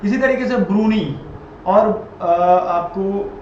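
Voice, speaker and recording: A man's voice: sits high, slow, a little mellow, a little hiss or hum. Echoey male teacher quizzing. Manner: repeats answers and quizzes the viewer. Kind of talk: exam-prep general knowledge lesson. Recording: very echoey, dull lo-fi room audio.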